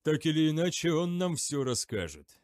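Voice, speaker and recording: A male audiobook reader voicing a calm, cold warrior who speaks in a quiet, measured, low voice. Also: dry recording, clean studio sound.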